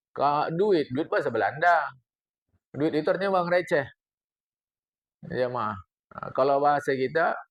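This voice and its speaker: Older preacher with a gravelly voice. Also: male voice, on the high side. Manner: animated lecturing, addresses the congregation, recites Arabic text then explains. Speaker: religious teacher. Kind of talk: mosque study-circle sermon.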